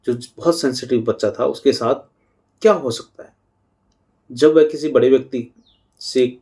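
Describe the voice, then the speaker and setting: Middle-aged male spiritual teacher, unhurried talk, soft dark tone. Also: medium pitch. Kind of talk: devotional talk on parenting.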